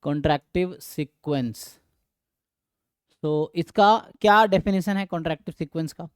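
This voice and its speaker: In a live online math lecture, a male teacher with an Indian accent explains step by step and checks in with questions for his students. He speaks at a moderate pace in a high, smooth, clear voice, recorded close and dry with no room echo.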